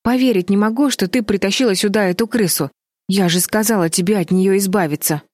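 A woman voicing a stern, sharp-tongued older sister who gives curt commands, in an audiobook. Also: fairly low pitch, animated, fairly quick, no room sound, natural voice. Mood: angry. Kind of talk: audiobook character voice.

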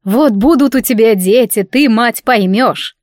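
A woman's voice: fairly high pitch, a little mellow, dry recording, clean studio sound, lightly acted. Woman doing a bossy meddling mother. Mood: domineering. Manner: slow, domineering, preachy. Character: bossy meddling middle-aged mother, overbearing.

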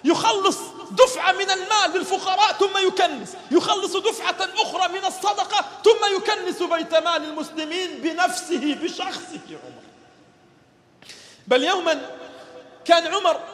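A man preaching a fiery sermon, impassioned, often shouting and crying out with repeated rhetorical questions. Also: very high-pitched. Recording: long hall reverb.

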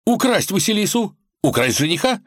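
A man doing a high, excitable young prince. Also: normal speed, no echo, clean studio sound. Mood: eager. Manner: high-pitched, breathless, pleading. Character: young male tsarevich, eager, excitable.

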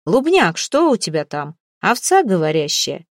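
A round-faced young spearman, played by a woman reading the story, speaks briskly with a lively, rising pitch. The recording is dry and close-miked. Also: no echo. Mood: surprised.

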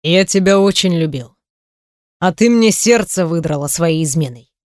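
Gruff curt ex-husband as a woman reads him, lowered voice, dry close sound, audiobook dialogue. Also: animated, normal speed, darkish tone, no room sound, natural voice. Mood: remorseful. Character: stern proud ex-husband, middle-aged man.

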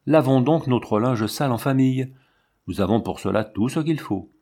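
A man's voice: medium pitch, animated, normal speed, warm tone, slightly rough. A man voicing a stern aristocratic count who speaks curtly and imperiously in an audiobook. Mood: resolute. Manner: curt, imperious, menacing. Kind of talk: audiobook narration.

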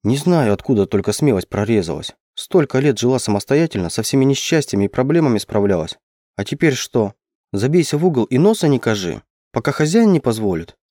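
Brief: defiant young peasant woman, voiced by a male reader, pitched up and indignant, dry audiobook sound. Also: very animated, a little fast, dark tone, no echo. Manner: raised, higher indignant voice.

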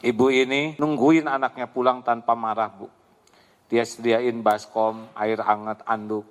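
A man giving a lively Islamic sermon, answering a question, acting out voices and laughing often. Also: medium pitch, measured pace. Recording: long hall reverb.

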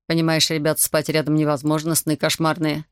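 A cheeky young soldier, as the audiobook reader puts him on, needling and sarcastic in an even, dry voice close to the reader's own. The sound is close and dry. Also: mid-range voice, fairly quick, clear, resonant tone, dry recording, lightly acted. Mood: mocking. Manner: teasing, sarcastic. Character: mocking young male soldier. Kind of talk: audiobook character voice.

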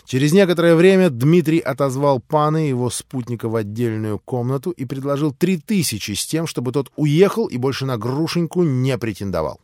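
A man reading a classic novel aloud as an audiobook narrator, in an expressive, theatrical manner. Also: medium pitch, no echo, clean studio sound.

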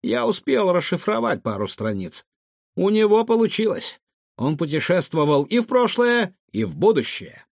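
A man's voice: sits high, very animated, normal speed, creaky, dry recording, studio quality, voice pushed up, heavily acted. A man voicing a bold young male sleuth who asks eager, pressing questions. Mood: explaining.

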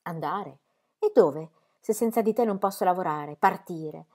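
A woman's voice: lowish voice, a little slow, a little mellow. A woman reading an audiobook, voicing a restless, demanding young male artist in impassioned, pleading outbursts.

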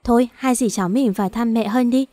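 A woman's voice: fairly high pitch, fairly quick, mellow, no echo, clean studio sound, close to an everyday voice. A woman voicing a loyal, worried young female best friend in an audio story, in an anxious, caring manner. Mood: reassuring. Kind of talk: audiobook dialogue.

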